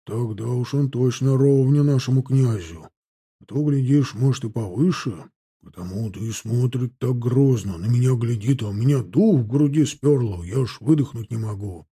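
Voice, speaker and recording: A man reading aloud, voicing a simple young soldier who talks in a hushed, wondering tone. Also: mid-range voice, normal speed, husky. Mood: awed. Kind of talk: audiobook character voice.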